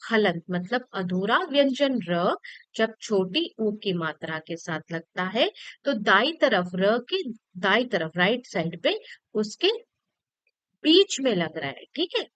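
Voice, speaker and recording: A woman's voice: mid-range voice, a bit bright, no room sound. A woman teacher patiently explaining a grammar lesson to children, repeating points and checking that they follow.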